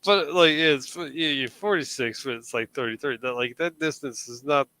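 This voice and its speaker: A man's voice: medium pitch, moderate pace, pushed and bright, no room sound, rough recording. A man in his thirties chatting casually on a live show, rambling with frequent restarts. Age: 30s. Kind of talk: casual chat.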